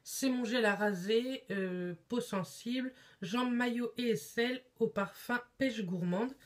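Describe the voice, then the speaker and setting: A woman's voice: fairly high pitch, measured pace. A woman chatting casually on camera in a beauty haul vlog, with lots of hesitations. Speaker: beauty vlogger.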